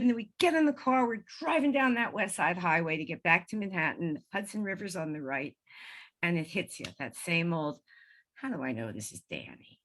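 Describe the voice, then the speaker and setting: A woman in her seventies, a guest on an interview show, telling a personal story in a lively conversational way and acting out the voices she quotes. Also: mid-range voice. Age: 70s. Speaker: guest, medium.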